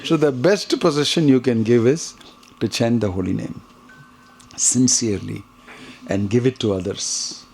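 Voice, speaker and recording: A man's voice: mid-range voice, a little slow, darkish tone. A man with an Indian accent giving a devotional question-and-answer lecture as a spiritual teacher, didactic and emphatic. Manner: didactic, emphatic, mixing in Hindi phrases. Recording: clear background noise.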